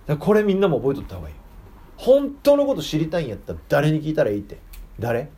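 A man's voice: on the high side, huge pitch swings, fast, warm tone. A man giving a casual sermon to children, chatting and asking them questions. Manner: chatty, asks the audience questions. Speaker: preacher teaching children.

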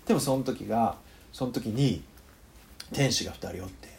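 Pastor, male, northern Kyushu accent; expressive storyteller with a swooping delivery and playful asides. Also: mid-range voice, moderate pace, creaky, slight background noise. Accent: northern Kyushu Japanese. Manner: animated storytelling, acting out the people in the story, joking. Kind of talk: sermon.

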